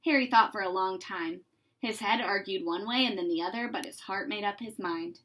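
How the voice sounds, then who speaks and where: A medium-pitched woman's voice tells a children's story, reading it aloud in a careful, expressive way as a storybook narrator.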